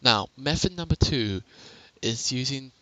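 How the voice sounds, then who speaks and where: A man's voice: medium pitch, animated, a little slow, fairly bright tone, no room sound, low-quality recording. A young man casually narrating a game tutorial on a headset at home, rambling and correcting himself as he goes. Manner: rambling, self-correcting, chatty.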